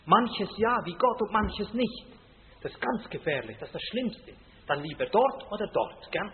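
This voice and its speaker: A man preaching, his fairly high voice swelling on scripture and sinking low for family stories. The sound is thin and tinny, with a long hall echo and faint noise behind. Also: big pitch swings, moderate pace. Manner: emphatic, rising loud on scripture, dropping low for anecdotes, frequent tag question. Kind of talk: sermon.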